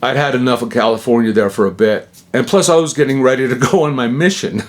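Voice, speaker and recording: A brisk, medium-pitched male voice belongs to a sixty-something vlogger from Utah. His personal story wanders as he chuckles, interrupts himself, and breaks off into asides full of slang.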